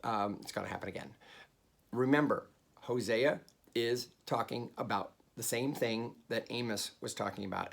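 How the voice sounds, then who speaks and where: A man's voice: on the low side, creaky. A man leading a Bible study, teaching conversationally with many fillers and restarts and explaining Hebrew words.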